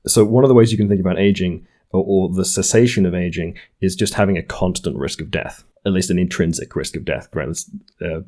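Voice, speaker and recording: A man's voice: low-pitched, warm tone. A man in his late twenties co-hosting a podcast, talking through ideas in a thoughtful, hedging way with many restarts. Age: 20s. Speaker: podcast co-host. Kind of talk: casual science discussion.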